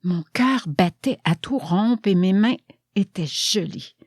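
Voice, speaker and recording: A woman with a Quebec French accent reads a short story aloud, slow and deliberate. Her pitch swings widely as she tells it. The recording is close and dry, with no room sound. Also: slightly rough, no room sound. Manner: slow, measured storytelling with lively inflection. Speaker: reader of short stories. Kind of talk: expressive reading of a short story.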